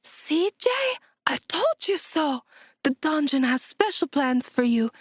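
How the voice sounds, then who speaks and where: A woman voicing an eager, excitable young fox girl archer in an audiobook. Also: high voice, takes it slowly, dry recording, studio quality, full character voice. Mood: excited. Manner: bubbly and excitable. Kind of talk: audiobook character voice.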